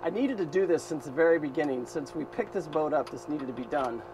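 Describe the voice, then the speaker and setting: A boat owner in his fifties narrates his own hands-on repair in a cramped engine room, his somewhat high voice animated and a little fast. He talks plainly and practically with fillers, thinking aloud as he works. An action camera mounted in the engine room records it amid loud noise from the running engine.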